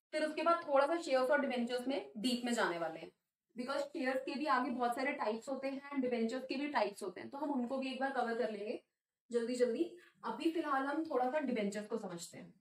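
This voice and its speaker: A woman teaching a commerce lesson. She asks the class questions, answers them herself, and reads English definitions slowly. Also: sits high. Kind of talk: classroom lecture. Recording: echoey room, a little distant.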